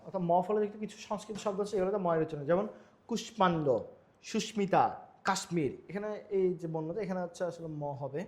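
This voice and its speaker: A young man teaches at a rapid clip, his voice sitting high. He keeps asking himself questions and restating each rule as he walks through exam-prep slides. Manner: repetitive, quizzing himself with rhetorical questions. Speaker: Bengali grammar teacher.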